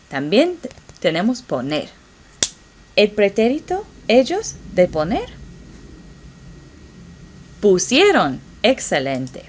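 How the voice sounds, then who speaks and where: A woman Spanish teacher, slowly drilling verb forms and encouraging students. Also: lowish voice. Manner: slow, encouraging drill pace with pauses. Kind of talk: classroom grammar lesson.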